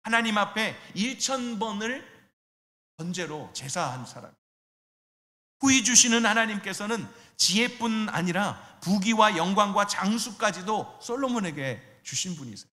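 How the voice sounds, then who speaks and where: Lively high-voiced male pastor preaching. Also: a little slow, in a large hall. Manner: animated preaching, acts out quoted voices and asks listeners questions. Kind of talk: sermon. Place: church sanctuary.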